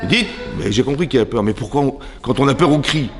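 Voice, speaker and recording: Man, French accent, rabbi's lesson, mid-pitched voice, lively rhetorical questions, long hall reverb. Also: quick pace, husky. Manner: animated, asks the class rhetorical questions. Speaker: rabbi teaching a women's class. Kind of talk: religious lesson. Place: seminary classroom.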